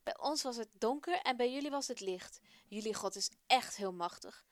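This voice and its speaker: A woman voicing a frightened, awed Egyptian boy in a children's radio story, telling of his ordeal in a rushed, breathless way. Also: fairly high pitch, expressive, no room sound, clean studio sound, close to an everyday voice. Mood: amazed.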